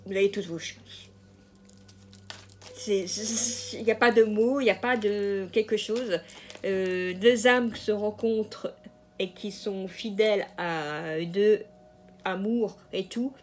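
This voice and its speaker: A woman talks through a tarot reading at an unhurried, slow pace, her pitch sitting in an ordinary middle range. She hesitates often, restarting sentences and filling gaps, and chuckles at her own jokes. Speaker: tarot card reader. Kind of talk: casual general tarot reading.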